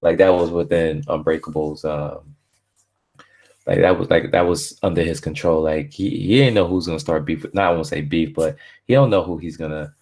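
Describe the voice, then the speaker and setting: A man with a very low, deep voice hosting a casual live stream from home. Born in Barbados, he talks in a laid-back, slangy way, leaning on filler phrases as he rambles. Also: fairly even intonation, moderate pace, a little mellow.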